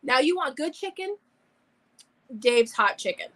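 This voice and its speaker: Blunt woman with a high, bright voice. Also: lively intonation, unhurried. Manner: blunt, opinionated. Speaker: livestream co-host. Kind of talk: casual chat.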